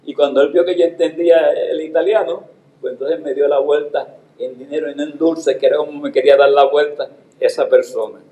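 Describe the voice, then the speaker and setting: A man's voice: on the high side, a little fast. Man, 80s, Puerto Rican Spanish accent, retired drama teacher, theatrical declaiming storyteller, raised voice, echoey stage. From Puerto Rico. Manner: theatrical, declaiming with expressive intonation. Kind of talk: anecdotal storytelling performance with recited poetry.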